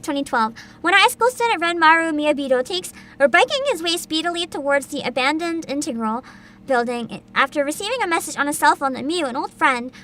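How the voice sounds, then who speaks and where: Here a young woman streams as a VTuber, her high-pitched voice bright and forceful. She's chatting casually with viewers, reading game descriptions aloud and breaking into frequent giggles.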